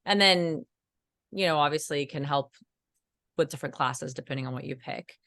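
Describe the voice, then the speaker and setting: A woman with a low voice, still getting over a cold, chats casually as a co-host. She rambles through fillers and restarts with the odd giggle. The sound is dry and close. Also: moderate pace, vocal fry, a bit bright, no echo. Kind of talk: casual chat.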